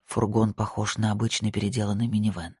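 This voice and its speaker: A weary old retired judge who mutters low and quiet and keeps dodging the questions, as the narrator drops her voice for him. The tone is husky and dry. It sounds like an audiobook scene. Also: level tone, quick pace, no room sound, exaggerated voice. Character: retired older male judge, weary, evasive.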